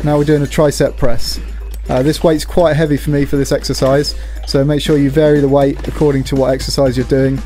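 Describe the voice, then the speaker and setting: Over background music, a middle-aged man demonstrates gym exercises and explains them plainly and practically. He speaks a little fast in a mellow, medium-pitched voice with little pitch movement.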